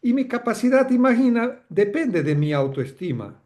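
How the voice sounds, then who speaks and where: A man's voice: very high-pitched, sing-song, normal speed, darkish tone. A man giving an online lecture on education, talking conversationally with rhetorical questions and frequent checks for agreement. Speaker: webinar speaker on educational leadership.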